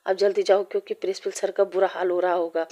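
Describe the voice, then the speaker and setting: A woman voicing a worried male college teacher, talking in an urgent, warning way, with a mellow, flat voice. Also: medium pitch, fast talker, close to an everyday voice.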